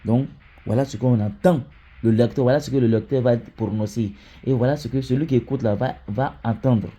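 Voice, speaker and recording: A man teaching Quran recitation, chanting example words slowly and often checking in with the listener. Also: mid-range voice, warm tone. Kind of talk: teaching lesson.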